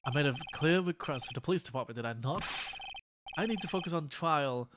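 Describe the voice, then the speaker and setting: A man's voice: fairly high pitch, fairly quick, background noise, close to an everyday voice. A man voicing a stern, irritable, precise prosecutor from a video game, formal and curt. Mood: stern, annoyed. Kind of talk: reading video game dialogue aloud.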